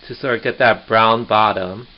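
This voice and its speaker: A man casually walking through a cooking demonstration step by step, chatty and relaxed, in his home kitchen. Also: fairly low pitch, moderate pace. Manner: chatty and relaxed, narrating each step as he goes. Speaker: home cook vlogger. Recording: dull lo-fi home video with faint noise.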